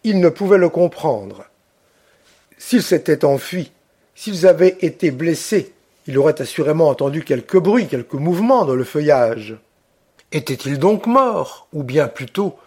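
A man narrating a classic novel in a measured, deliberate way. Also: on the high side, animated, a little mellow, husky. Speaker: audiobook reader. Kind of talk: literary audiobook narration.

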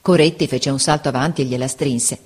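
A woman narrating an audiobook with a vivid, expressive reading. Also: extremely low pitch, a little fast, slightly rough. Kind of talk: scripted narration.

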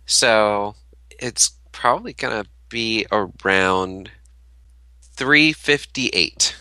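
A man's voice: lowish voice, expressive, extremely slow, pushed and bright, dry recording, rough recording. A man co-hosting a casual podcast with a dry, understated wit, speaking close to the mic. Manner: dry, wry, understated humor. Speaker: podcast co-host.

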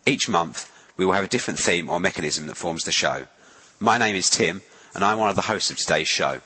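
A man hosting a radio show, reading a scripted introduction in a measured, announcer-like way. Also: deep voice, lively intonation, pushed and bright, slightly rough, poor audio.

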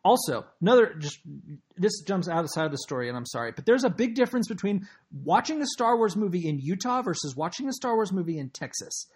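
A male podcast co-host talks in a husky, slightly breathy voice. He tells his stories in an excitable, emphatic way. His casual chat comes through a remote call connection. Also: high-pitched, a little fast.

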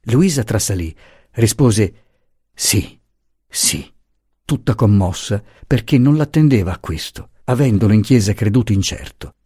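A man reads a classic novel aloud in a low, slightly husky voice. His intonation moves a lot, expressive and measured. The recording is close and dry, with no room sound. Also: no room sound. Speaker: audiobook narrator. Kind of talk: scripted narration of a novel.

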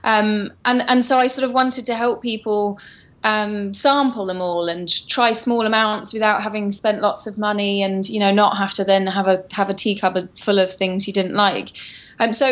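A woman's voice: mid-range voice, steady tone, normal speed, fairly bright tone, dull audio. A woman from Surrey with a Home Counties English accent chats casually as an interview guest, explaining things in a loose, hedging way. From Surrey, England. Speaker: interview guest, tea company founder.

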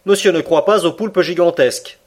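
A man's voice: on the high side, moderate pace, voice pushed up, natural voice. A man voicing a serious, polite manservant who speaks earnestly and imperturbably, in an audiobook reading. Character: earnest, formal young male manservant.

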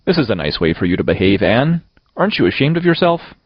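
A man's voice: lowish voice, very animated, quick pace, no echo, lo-fi sound. A man voicing a severe, dry middle-aged woman guardian who scolds in a storybook reading.

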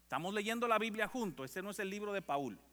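A pastor preaches in a fairly high voice that rings out with long hall reverb. He moves between easy, conversational asides to his congregation and loud, animated readings of scripture. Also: quick pace. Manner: conversational, asks the congregation if they are with him. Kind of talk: sermon.

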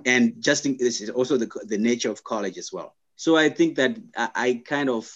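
A young man from Zimbabwe talks in a middle-pitched voice, reflective and unhurried, often stopping to restart his sentences. The sound is a little dull, like a lo-fi recording. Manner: thoughtful, halting, many restarts and fillers. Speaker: guest. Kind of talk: conversational interview.

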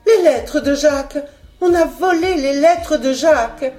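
A woman's voice: sits high, measured pace, darkish tone, roomy sound, faint music behind, voice pushed up. A woman voicing a terrified young woman crying out. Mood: panicked. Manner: cries out in jerky, panicked bursts.

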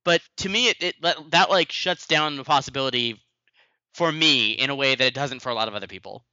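A man's voice: mid-range voice, fairly quick, bright, forceful tone, clear, resonant tone, no echo, dull audio. A man co-hosting a casual podcast, thoughtful and hesitant, often restarting sentences. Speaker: podcast co-host.

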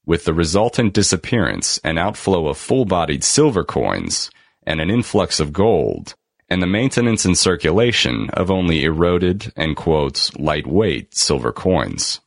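A man narrates a scripted article in a measured, deliberate, formal way with emphatic phrasing. His deep voice has big pitch swings and vocal fry, and the studio-quality recording has no echo.

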